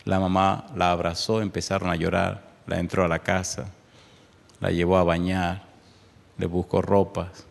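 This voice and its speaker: A man preaching a sermon, moving from an impassioned appeal into a softly told story with voiced quotes. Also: level tone, moderate pace, gravelly. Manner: impassioned, loud and high at the start, then softer storytelling with voiced quotes. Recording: long hall reverb.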